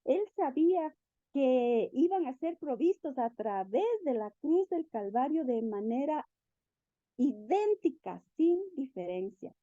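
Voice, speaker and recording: A woman preaching a sermon in an animated way, asking the listeners questions and acting out the quotes. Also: high voice, slow, no echo. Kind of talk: sermon teaching. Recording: dull, lo-fi recording.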